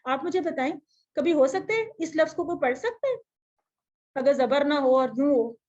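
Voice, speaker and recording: A woman's voice: sits high, expressive, moderate pace, darkish tone, dull audio. A woman teaching Arabic grammar for the Quran to a class, explaining step by step and putting questions to her students. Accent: Urdu-speaking, Pakistani.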